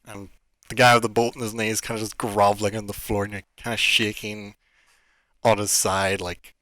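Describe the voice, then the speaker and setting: A man narrating as dungeon master, describing scenes slowly with many fillers and pauses. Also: fairly low pitch, little pitch movement, a bit bright, no room sound. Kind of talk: narrating a tabletop game.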